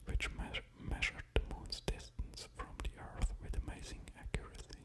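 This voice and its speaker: A man whispers softly and unvoiced for ASMR, close to a stereo ear-to-ear microphone, musing slowly and hesitantly with asides.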